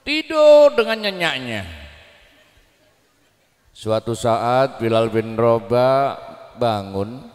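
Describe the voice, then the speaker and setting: A man's voice: mid-range voice, very animated, extremely slow, long pauses, big-room sound. A male preacher telling a story dramatically, acting out voices and joking with his audience. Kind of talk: sermon with Arabic devotional singing.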